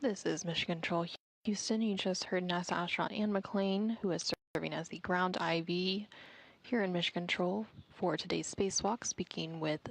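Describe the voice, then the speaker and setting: A woman with a slightly low, creaky voice delivers live mission commentary. She is measured and formal, explaining technical procedures as an official commentator. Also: steady tone, dry recording, rough recording.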